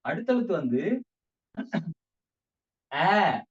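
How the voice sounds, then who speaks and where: A man with a Sri Lankan Tamil accent giving a casual spoken language lesson, repeating words slowly for drill. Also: a little high, very animated, slightly rough, lo-fi sound. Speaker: language teacher.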